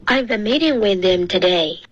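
A woman's voice: medium pitch, lively intonation, moderate pace, no echo, highs cut off. A female student carefully reading short English practice sentences aloud.

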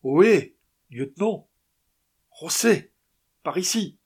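A man reading a story aloud, voicing a blunt, mocking Spanish sailor with a husky voice who calls out loudly. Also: fairly high pitch, sing-song, normal speed. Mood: shouting. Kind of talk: audiobook character voice.

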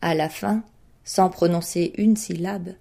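A woman narrating a literary short story in a measured, expressive audiobook reading. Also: lowish voice, gravelly.

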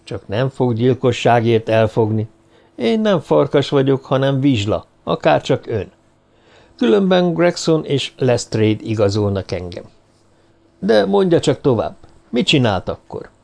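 A man voicing a quick, impatient, sharp-witted detective in an audiobook, eager and commanding. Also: mid-range voice, sing-song, creaky. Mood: amused. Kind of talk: audiobook character voice.

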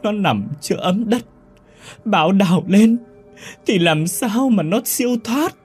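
Brief: man playing frightened older father, high strained stutter. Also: expressive, measured pace, a little mellow, slightly rough, soft background music, full character voice. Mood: shaken protest. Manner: stammering, repeating words in fright. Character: terrified older father, shaken and stammering.

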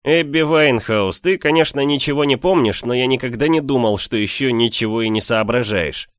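A male narrator voices a lively, teasing young man for an audiobook, speaking in a raised, animated way. His mid-range voice is fairly quick and pitched above his own, yet close to an everyday voice. The recording is dry and clean, made in a studio.

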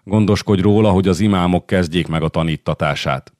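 Egy rideg, fölényes szultán, akit egy férfi olvas fel, odavetett, elutasító hangon. Rendkívül mély és száraz hang. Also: male voice, low voice, darkish tone, no room sound, studio quality, close to an everyday voice. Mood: dismissive. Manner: offhand, dismissive. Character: cold, aloof middle-aged sultan.

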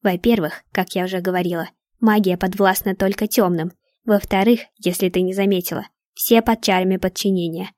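Woman voicing a sneering dark witch. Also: medium pitch, steady tone, brisk, no echo, studio quality, close to an everyday voice. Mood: cold. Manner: mocking, hissing. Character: scheming dark witch woman, sarcastic and cruel. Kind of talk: storybook reading.

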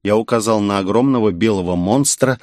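A man's voice: lowish voice, a little fast, a little mellow, no echo, studio quality. A man narrating a first-person fantasy audiobook in a wry, conversational way.

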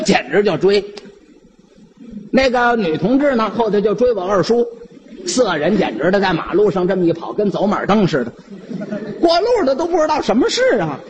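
A man with a Beijing accent telling a comic story solo, in a lively, animated manner. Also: high voice, moderate pace, in a large hall, a little hiss or hum.

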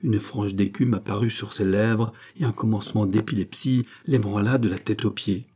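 A man narrating a classic novel in a measured, steady reading. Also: fairly low pitch, husky. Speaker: audiobook narrator. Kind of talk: scripted literary narration.

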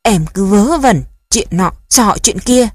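A woman's voice: medium pitch, moderate pace, a little mellow, dry recording, clean studio sound, close to an everyday voice. A woman voicing a young husband who lectures and snaps at his wife. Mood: angry. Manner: stern, lecturing. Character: young husband, irritable and stern.

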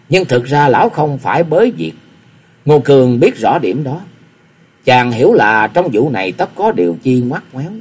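A man narrates a wuxia novel aloud in the manner of an audiobook. His reading is steady yet expressive, and his husky voice rises and falls in a lively way. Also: medium pitch. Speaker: storyteller.

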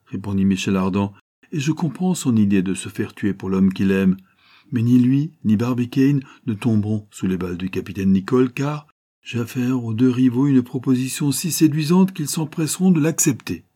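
A man voicing a jovial, persuasive adventurer in an audiobook reading, lively and coaxing. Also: mid-range voice, moderate pace, breathy edge, pitched above the performer's own voice, lightly acted. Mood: assured.

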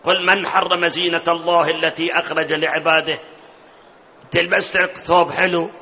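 Bright high-voiced preacher, echoing hall. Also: male voice, little pitch movement, moderate pace, slight background noise. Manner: questions the audience often, recites verses in a chanting tone. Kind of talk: religious lecture. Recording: dull lo-fi sound with long hall reverb.

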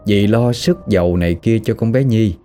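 A man telling a ghost story in a lively, animated way. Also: lowish voice, normal speed, soft background music.

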